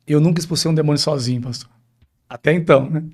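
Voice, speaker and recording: Emphatic pastor with a higher voice. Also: male voice, fast. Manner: emphatic storyteller, keeps addressing the host as pastor. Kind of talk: personal testimony in a podcast interview.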